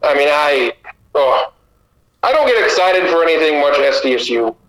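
Man, sports podcast co-host, opinionated, rambling, voice a bit high. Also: very animated, moderate pace, a bit bright, rough recording. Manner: opinionated, talks in long runs. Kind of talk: casual sports chat.

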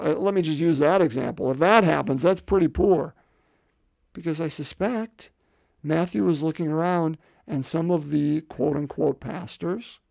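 Delivering a sermon, a man in his fifties, a pastor, speaks with a fairly high but heavily gravelly voice and a darkish tone. He talks conversationally, repeating words and posing rhetorical questions to the congregation again and again, captured on a close, dry recording.

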